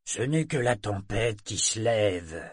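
A man reading an audiobook voices a weary ship's mate who answers curtly and gruffly. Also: lowish voice, animated, slow, no echo, clean studio sound, exaggerated voice. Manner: gruff, curt.

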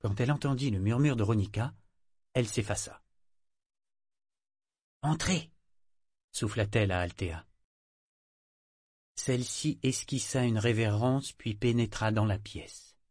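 Homme narrateur à la voix grave. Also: male voice, on the low side, normal speed, a little mellow, dry recording, studio quality. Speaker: audiobook narrator. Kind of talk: scripted narration.

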